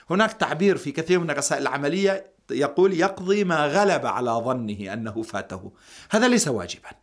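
Fast-talking male cleric explaining in formal Arabic. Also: on the high side, a bit bright. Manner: explanatory, repeats key points. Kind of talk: religious question-and-answer in formal Arabic.

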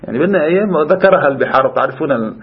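Fast-talking Levantine man teaching, slightly muffled. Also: medium pitch. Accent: Levantine Arabic. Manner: animated, explanatory, switches between classical and colloquial Arabic. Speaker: religious teacher of an Islamic seminary class. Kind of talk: informal lecture with discussion.

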